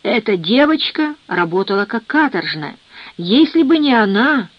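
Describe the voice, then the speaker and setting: A woman voicing an eager, excitable young sailor who talks with enthusiasm, in a dull, dry recording. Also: a little high, normal speed, no room sound. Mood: agitated.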